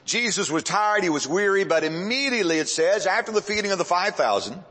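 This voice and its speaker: A man's voice: animated, bright, forceful tone. A man preaching a sermon as pastor, swinging his voice up and down and drawing words out for emphasis. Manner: preaching with sweeping pitch swings and dramatic pauses. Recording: long hall reverb.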